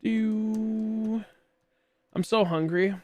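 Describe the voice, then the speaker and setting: This man in his twenties, late twenties to be exact, has a high-sitting, mellow voice with fairly even intonation and a very slow delivery. He's streaming a game and chatting casually, rambling and making jokes at his own expense as he talks to viewers and a friend.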